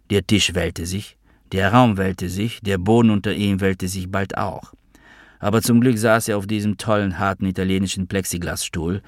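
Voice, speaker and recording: A man narrating a literary audiobook in a wry, measured storytelling manner. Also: deep voice, no room sound, clean studio sound.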